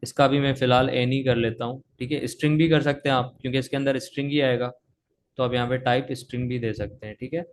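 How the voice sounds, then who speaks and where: Hoarse coding teacher on a call. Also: male voice, mid-range voice, fairly even intonation, fast, a little hiss or hum. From Pakistan. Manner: talks while typing, frequent "theek hai" checks. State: sore throat, coughing. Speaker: coding instructor. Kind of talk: live coding lesson on a video call. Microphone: video call.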